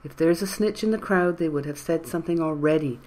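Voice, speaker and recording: A storyteller voicing a calm, wary young man who mutters low and reasons steadily. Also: fairly quick, close to an everyday voice. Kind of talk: audiobook character voice.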